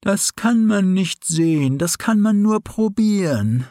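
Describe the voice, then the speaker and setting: A man's voice: high-pitched, expressive, slow pace, warm tone, no room sound, clean studio sound, pitched above the performer's own voice. A man voicing a sleepy, curt old female owl with a snarling voice, in a storybook reading. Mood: brusque.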